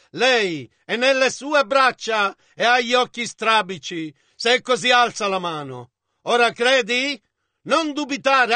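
A man with a very high, bright voice reads a sermon's dubbing in a measured, even way. The sound is close-miked and dry, with no room around it. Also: no echo. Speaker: interpreter voice-over.

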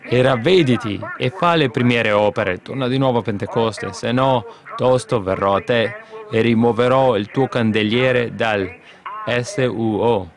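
A man's voice: mid-range voice, normal speed. Fervent male preacher. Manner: fervent preaching with sudden emphatic outbursts and hushed asides. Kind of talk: sermon.

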